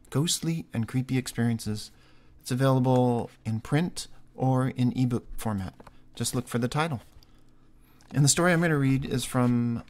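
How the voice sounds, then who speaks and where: A man hosting a ghost story podcast, introducing a reading in a steady, matter-of-fact way. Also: mid-range voice. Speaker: podcast host. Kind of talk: show narration.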